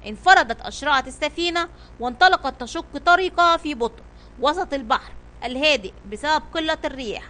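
High-voiced woman narrating a children's story. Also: fast, bright, forceful tone. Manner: stumbling restarts while reading.

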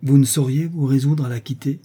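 Anxious prince in an audiobook, guy reading him, muffled and mellow. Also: mid-range voice, fairly even intonation, a little fast, slightly rough, voice pushed up, natural voice. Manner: hesitant, subdued. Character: anxious nervous male prince, middle-aged suitor.

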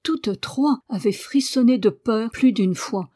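A woman's voice: fairly high pitch, takes it slowly, dark tone. Woman narrating a children's novel. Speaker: audiobook reader. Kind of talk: scripted narration.

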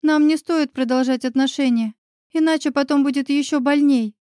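A woman's voice: sits high, steady tone, moderate pace, dark tone, no echo, studio quality, pitched above the performer's own voice, lightly acted. A woman voicing a heartbroken young woman who sobs as she speaks. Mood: bitter. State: sobbing. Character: tearful young woman friend, heartbroken and resigned.

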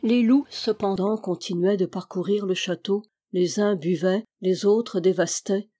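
A woman narrating a classic adventure novel in a measured, even storytelling voice. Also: medium pitch. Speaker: audiobook reader. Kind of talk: literary audiobook narration.

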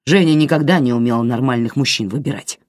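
A reader doing a gruff bitter old man. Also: medium pitch, quick pace, no echo, studio quality, lightly acted. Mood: grumbling. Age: older. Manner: gruff, grumbling. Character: bitter elderly man, grumpy stepfather.

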